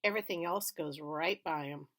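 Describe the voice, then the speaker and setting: A woman reading a children's novel aloud in plain, steady first-person narration. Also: low-pitched, normal speed. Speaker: reader.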